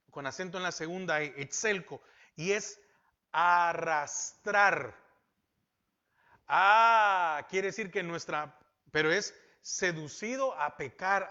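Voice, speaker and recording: Bright high-voiced male pastor preaching. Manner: asks rhetorical questions and repeats key phrases. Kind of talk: Bible-teaching sermon. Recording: dull lo-fi sound.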